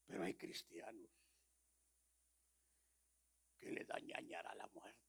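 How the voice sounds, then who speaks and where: Raspy dramatic preacher man. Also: deep voice, takes it slowly. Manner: dramatic, swinging between loud exhortation and whispers. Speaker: pastor. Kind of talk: sermon.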